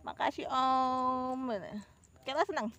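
Out by the rice fields, a vlogger in her thirties talks slowly in a high, level, fairly bright voice. Her Javanese ngapak accent colours the loose, casual chatter as she keeps calling her audience guys, phone held out at arm's length.

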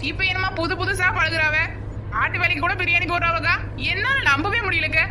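A woman's voice: very high voice, fairly quick, a crowd in the background, noisy background. A woman voicing a greedy young village woman obsessed with biryani, with a southern Tamil accent and a pleading, whiny manner. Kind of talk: cartoon voice acting.

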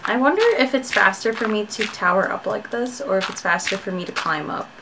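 A woman in her twenties giving casual, excitable gameplay commentary, talking herself through her moves. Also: mid-range voice, a little fast. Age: 20s. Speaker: gamer and streamer. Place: bedroom, indoors. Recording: clear background noise with clicking.

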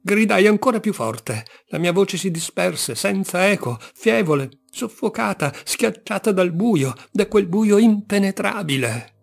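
A man reading a literary story aloud in a theatrical way, dropping to hushed murmurs and rising to loud outbursts. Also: high-pitched, animated, a little slow, creaky, hardly any pauses. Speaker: audiobook reader. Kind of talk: dramatic literary narration.

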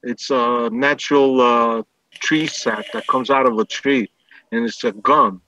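A middle-aged man with a New York accent chatting casually on a video call, thinking aloud in halting phrases. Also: medium pitch, fairly even intonation, bright, forceful tone. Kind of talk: casual chat. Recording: dull lo-fi video-call audio.

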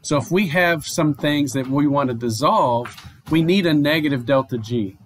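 A male chemistry professor giving a recorded online lecture, explaining at a steady pace with fillers, restarts and "okay?" checks. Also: on the high side, normal speed, a little hiss or hum. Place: home or office, online lecture.

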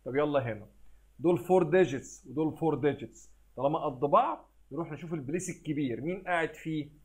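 A man with an Egyptian Arabic accent and a fairly high-pitched voice teaches a recorded math lesson for children. He poses questions and answers them himself, slips in English math terms, and reads numbers out slowly.

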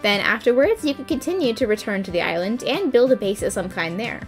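A woman's voice: mid-range voice, lively intonation, a little fast, faint music behind. A woman hosting a gaming video, giving scripted tutorial narration with dry, playful asides. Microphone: voice-over.

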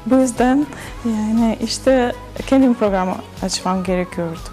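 A young woman with a fairly high voice gives casual interview answers in broken Turkish. Her accent is foreign and her phrases are simple and halting. Faint music sits behind the studio lapel mic. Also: mellow. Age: young adult. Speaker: guest, model and TV presenter.

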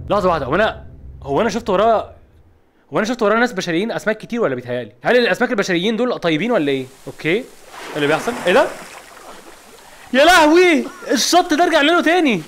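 Egyptian guy yelling through a vr horror game, really high voice, talks super fast, faint hiss behind. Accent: Egyptian Arabic. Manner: jumpy, keeps asking what is going on, frightened exclamations. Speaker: gaming video host. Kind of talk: let's play commentary.

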